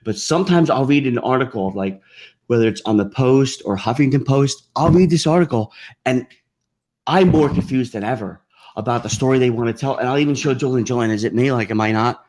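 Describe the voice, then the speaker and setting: A man's voice: mid-range voice, brisk, darkish tone. Rambling, profane male podcast host. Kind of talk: casual chat.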